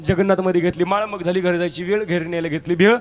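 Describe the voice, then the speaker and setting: A man's voice: high voice, steady tone, quick pace, voice pushed up, natural voice. A man performing a cheeky newly married village bride in folk devotional theatre, reciting rhyming verses in a teasing sing-song manner. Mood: playful.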